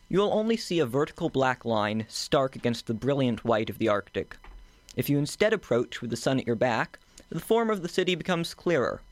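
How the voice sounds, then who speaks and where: A young man, a student, reading his own short story aloud at a measured, steady pace. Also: medium pitch, no room sound. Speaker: student author.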